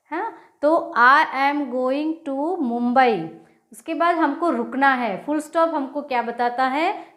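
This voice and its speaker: A woman teacher explaining a grammar lesson to children, patiently reading out example sentences word by word. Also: high-pitched.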